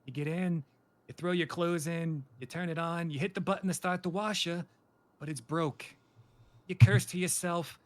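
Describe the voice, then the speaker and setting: High-voiced man running a roleplay scene. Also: fairly bright tone. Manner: chatty, rambling, slips into panicky comic yelping. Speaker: interviewer running a roleplay scenario. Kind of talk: in-character game roleplay.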